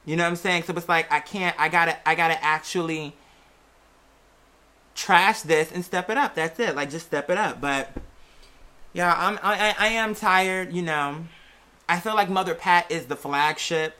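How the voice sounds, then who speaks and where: Speaking at a normal pace in a mid-range, pushed, bright voice, this American content creator chats openly and casually. She rambles a lot and circles back to the same phrases to stress them.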